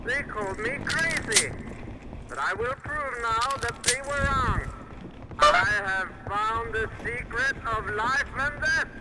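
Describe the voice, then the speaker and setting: A man's voice: very high-pitched, lively intonation, slow pace, exaggerated voice. An actor playing a raving mad scientist in a game, grandiose and theatrical, boasting like a madman. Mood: manic, grandiose. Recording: distant voice under loud game noise.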